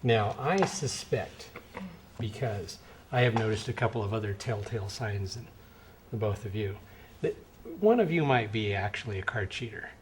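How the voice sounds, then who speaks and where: A man's voice: fairly low pitch, normal speed, slight background noise. A middle-aged man delivering conversational card magician patter with a playful showman's touch, demonstrating to spectators. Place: indoor studio set at a card table.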